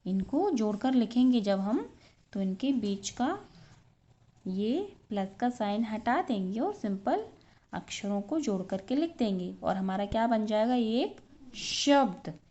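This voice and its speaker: Slow, patient woman teaching children's letters. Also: on the high side, expressive, mellow, highs cut off. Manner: patient, spells letters out one by one, mixes in English. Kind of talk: slow Hindi lesson for young children. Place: school classroom.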